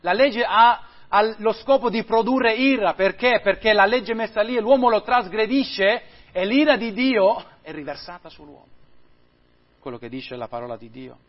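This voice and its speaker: A male pastor preaching a sermon and praying, emphatic and building to loud peaks, recorded with dull lo-fi sound. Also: high-pitched, lively intonation, moderate pace.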